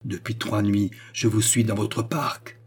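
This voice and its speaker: A man's voice: fairly low pitch, steady tone, measured pace, slightly rough. A man reading a furious young nobleman. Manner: intense, accusing, barely restrained. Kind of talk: audiobook character reading.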